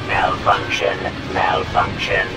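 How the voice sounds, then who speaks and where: A man voicing a mechanical battle droid in a game, through a glitching robotic filter, with flat, slow, clipped announcements. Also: deep voice, reverberant, heavy background noise. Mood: robotic alert. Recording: distant game audio under loud music.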